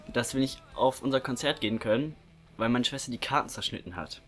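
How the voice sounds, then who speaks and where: A man's voice: mid-range voice, animated, fairly quick, fairly bright tone, slight background noise. A young man chatting casually as the host of a prank-call video, recorded indoors. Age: young adult. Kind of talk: casual chat. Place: small indoor room with curtain behind. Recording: music faintly behind.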